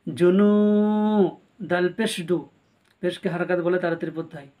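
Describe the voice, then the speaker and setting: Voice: medium pitch, flat delivery, fast, darkish tone. A Quran reading teacher giving a spelling-out recitation lesson. The teacher spells each letter and vowel mark, then draws out the joined syllables, and speaks directly to the viewers.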